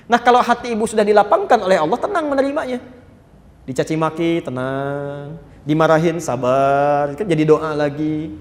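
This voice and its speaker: A male preacher delivering a sermon to a congregation, animated and acting out quotes in different voices. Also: moderate pace. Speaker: Islamic preacher. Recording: echoey hall with long reverb, faint rumble.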